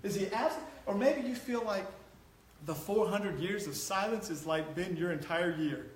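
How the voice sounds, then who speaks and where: High-voiced pastor, conversational then fervent. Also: male voice, moderate pace. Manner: conversational, rising to passionate exhortation. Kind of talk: sermon. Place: church sanctuary. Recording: echoey church hall.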